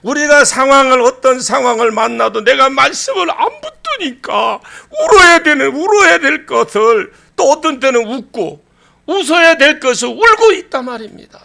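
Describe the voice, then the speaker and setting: High gravelly pastor preaching. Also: male voice, normal speed. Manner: animated, acts out scenes and shouts for emphasis. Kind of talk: sermon. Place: church sanctuary.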